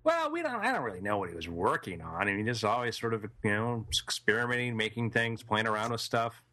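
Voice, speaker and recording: Man, podcast co-host, playful storyteller, bright tone, dry close sound. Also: lowish voice, fairly quick, dry recording. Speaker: podcast co-host running a mystery game. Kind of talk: improvised comedy banter.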